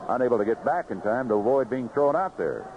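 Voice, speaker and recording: An American man calls live baseball play-by-play on the radio from a ballpark broadcast booth, his mid-range voice expressive and fast. It sounds like a noisy, muffled vintage AM broadcast.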